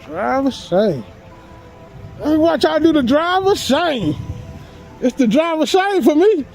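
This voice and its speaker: High-voiced mocking man filming on a sidewalk. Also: lively intonation, moderate pace, a little mellow, faint music behind, rough recording. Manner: mocking, taunting, laughs often. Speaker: citizen filming police. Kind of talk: confrontational street talk. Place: outdoor public sidewalk by a street. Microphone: handheld camera he is filming with.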